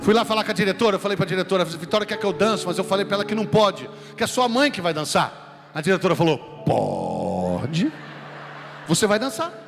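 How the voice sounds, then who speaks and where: A man from Brazil with a São Paulo accent, preaching a sermon and telling a personal story, animated and acting out the voices he quotes. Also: sits high, very fast. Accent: São Paulo Brazilian Portuguese. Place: large church sanctuary. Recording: long hall reverb with music behind.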